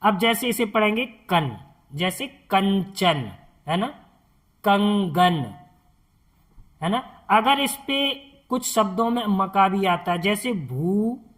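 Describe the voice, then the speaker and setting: A man teaching a slow, step-by-step lesson as a Hindi tutor. He speaks patiently, repeats each sound and quizzes the viewer on it. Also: high-pitched, lively intonation, a bit bright.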